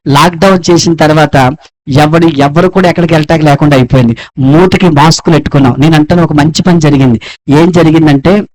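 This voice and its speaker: A man's voice: a little high, a little mellow, low-quality recording. A man from India preaching a sermon, asking rhetorical questions and calling for praise in fervent, rising exhortations. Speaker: pastor.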